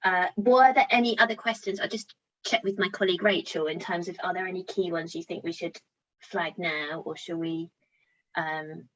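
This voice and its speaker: A woman's voice: on the low side, steady tone, normal speed, muffled recording. A woman hosting an online question session over a video call, chatty and full of fillers. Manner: chatty, many ums. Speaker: event host. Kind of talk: hosting a webinar Q&A.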